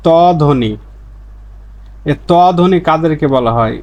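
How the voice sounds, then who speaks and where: Man slowly repeating Korean words for learners. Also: a little high, darkish tone. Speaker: Korean language teacher. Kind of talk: explaining pronunciation rules.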